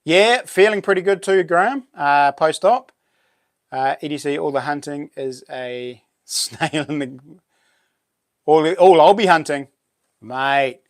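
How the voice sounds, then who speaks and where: A man's voice: a little high, slow, dry recording, studio quality. A man with a broad New Zealand Kiwi accent hosting a casual live stream, chatting to viewers in laid-back, matey slang.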